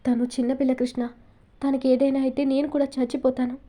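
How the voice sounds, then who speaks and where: A woman's voice: high-pitched, little pitch movement, a little fast, mellow, close to an everyday voice. Woman voicing an emotional, possessive young woman.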